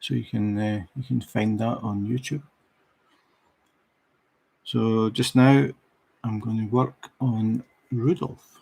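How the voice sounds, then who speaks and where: Chatting with viewers on his crafting livestream, a middle-aged man from Scotland speaks with a Scottish accent in a fairly low, creaky, husky voice. The diamond painting host keeps a relaxed, unhurried, sociable manner.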